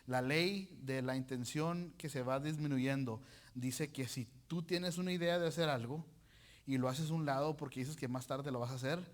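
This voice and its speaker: A man preaching a sermon in an animated, joking way, full of colloquial slang. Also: mid-range voice, normal speed.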